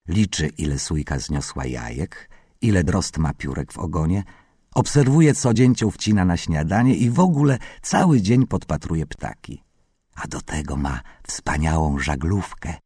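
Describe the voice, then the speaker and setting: A man reading a children's story aloud in a lively, playful way. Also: sits low, breathy edge, no room sound, studio quality. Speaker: narrator.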